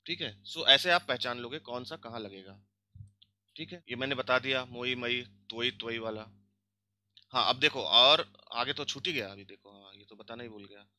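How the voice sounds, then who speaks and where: A man's voice: medium pitch, moderate pace, pushed and bright. A man teaching an online grammar lesson, mixing Hindi with English and drilling word forms aloud, asking questions and answering them himself. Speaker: language teacher.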